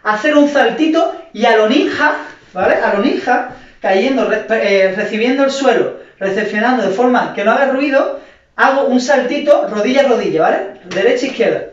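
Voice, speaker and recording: A man's voice: extremely high pitch, normal speed. A male dance teacher leading an online class, counting beats and singing the rhythm with sound words while encouraging his students. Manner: encouraging, speaks to the class directly. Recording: echoey room, far from the mic, dull sound.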